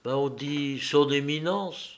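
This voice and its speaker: A man's voice: fairly high pitch, takes it slowly. A man voicing a simple, hesitant old housemaid answering her master. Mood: timid. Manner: hesitant, naive. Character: simple, timid elderly housemaid woman.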